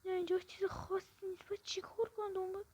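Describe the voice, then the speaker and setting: A woman's voice: very high voice, flat delivery, darkish tone. A woman giving casual commentary on a horror game, jumpy and panicky, often repeating questions to herself. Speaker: gameplay video host. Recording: muffled lo-fi recording.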